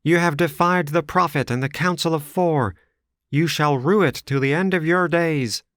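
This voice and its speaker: A man's voice: fairly low pitch, unhurried, fairly bright tone, smooth, dry recording, clean studio sound. A man voicing two boastful young suitors bragging about their wealth and position. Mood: threatening. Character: pompous young male suitors, self-important.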